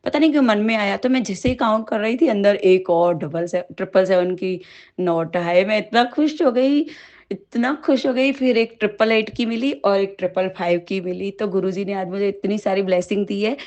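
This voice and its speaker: A woman sharing a devotional testimony with a tearful voice, growing quieter and breaking into prayer. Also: mid-range voice, moderate pace. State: crying.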